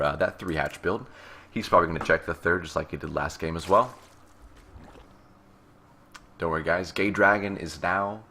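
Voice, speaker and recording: Deep bright-toned joking game caster. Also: male voice. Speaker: esports caster. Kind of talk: play-by-play commentary.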